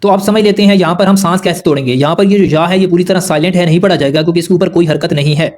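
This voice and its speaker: A man with a fairly high voice, teaching a lesson on recitation rules. He explains carefully and patiently, going over each rule again in plain words so beginners can keep up. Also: a little mellow. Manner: patient, explanatory, repeats rules slowly and simply.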